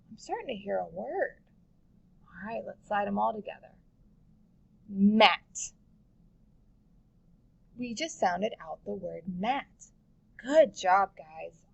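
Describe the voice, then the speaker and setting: A woman teaching a phonics lesson to young children, drawing out each letter sound slowly and patiently. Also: mid-range voice, vocal fry, slightly rough.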